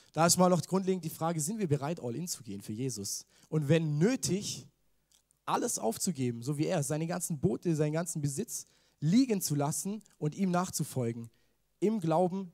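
A man's voice: fairly high pitch, warm tone. A man gives a casual, chatty sermon in a slightly raised voice. He keeps turning to his listeners with questions and drops English slang into his talk. His delivery is loose and conversational. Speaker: preacher. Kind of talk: informal youth sermon.

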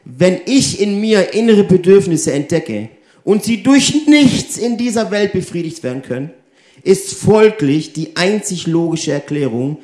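A man's voice: a little high, roomy sound. A man preaching a sermon who talks straight to his listeners and keeps asking them rhetorical questions. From Germany. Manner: animated, addresses the audience directly with rhetorical questions.

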